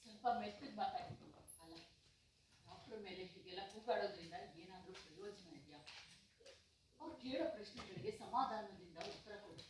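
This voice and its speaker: A woman acting a calm mother who gives short, plain answers in a stage play. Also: mid-range voice, a little fast, natural voice. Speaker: mother of a deaf child. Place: stage in a hall. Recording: echoey hall from far off, faint hiss.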